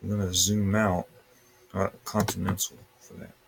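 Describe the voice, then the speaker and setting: A low-pitched man gives an unscripted weather rundown from an upstairs room at home, speaking into a webcam. He talks loosely, narrating whatever is on his screen as he goes. A faint background noise sits under the recording. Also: flat delivery, normal speed, vocal fry. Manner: loose and unscripted, talking through his screen while he waits on it. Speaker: weather livestreamer. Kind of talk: casual weather commentary.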